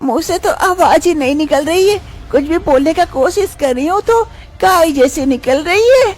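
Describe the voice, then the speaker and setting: A woman's voice: very high-pitched, expressive, moderate pace, voice pushed up. A woman voicing a sad, unloved young daughter-in-law in a storybook tale, speaking in a plaintive, self-pitying lament. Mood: panicked. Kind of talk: storybook character voice.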